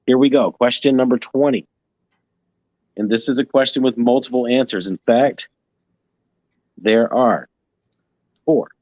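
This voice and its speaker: A man's voice: mid-range voice, measured pace, long pauses, a little mellow, no echo, muffled recording. A man hosting a casual trivia show, reading questions and teasing the others playfully.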